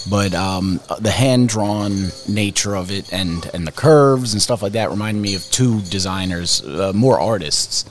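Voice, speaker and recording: A man interviewing designers in a laid-back, joking way. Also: deep voice. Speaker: correspondent interviewer. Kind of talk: casual interview.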